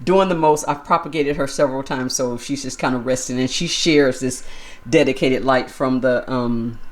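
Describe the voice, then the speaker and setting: A woman's voice: extremely low pitch, moderate pace. A woman vlogger giving a chatty, enthusiastic tour of her plant collection while filming handheld. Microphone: handheld camera moved while filming.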